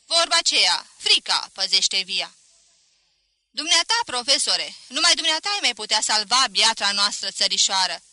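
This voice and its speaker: A woman reading an audiobook voices a burly loudmouthed man who loudly rouses a street crowd. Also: mid-range voice, big pitch swings, no echo. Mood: fervent. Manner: loud, rousing, declamatory. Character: burly loudmouthed man urging harsh rule.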